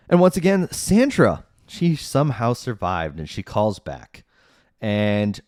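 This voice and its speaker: Brief: male podcast host, lowish pitch, sarcastic and rambling, dry studio sound. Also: darkish tone, no echo. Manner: sarcastic, chatty, many fillers. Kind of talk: casual movie recap.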